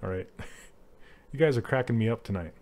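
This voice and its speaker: A man's voice: fairly low pitch, brisk, a little mellow, slight background noise. A man teaching 3D character sculpting on a live stream, chatty and laughing often as he works and answers chat. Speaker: 3D art instructor streaming live. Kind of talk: casual live-stream tutorial.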